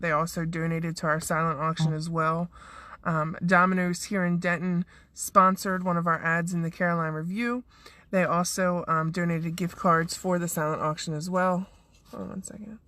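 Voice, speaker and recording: A woman's voice: fairly low pitch, fairly bright tone. A woman who is losing her voice, casually recapping her event and thanking sponsors with lots of ums. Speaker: event organizer. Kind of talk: casual live video recap.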